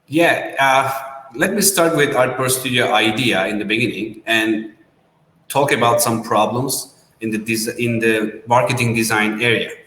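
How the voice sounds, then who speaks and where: A man, a startup co-founder, giving a business pitch with non-native phrasing and frequent restarts. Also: steady tone, measured pace, sharp tone. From Turkey. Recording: roomy with long reverb.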